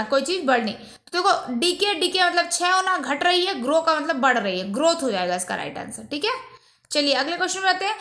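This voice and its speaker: A woman, recording an exam-prep lesson. She explains patiently, repeats key words and reads English sentences slowly. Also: extremely high pitch, sharp tone.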